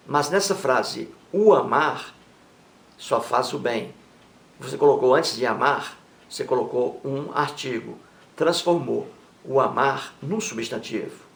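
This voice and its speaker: A man gives a grammar lesson straight to camera, pausing to read each example sentence slowly and with emphasis. His voice sits at an ordinary middle pitch. The recording has a noticeable roomy echo. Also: far from the mic. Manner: slow, emphatic reading of example sentences, often addressing viewers. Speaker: teacher. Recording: echoey room.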